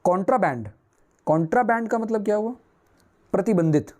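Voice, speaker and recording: A man's voice: high voice, expressive, brisk, a little mellow. A man teaching newspaper vocabulary, asking and answering his own questions at a whiteboard.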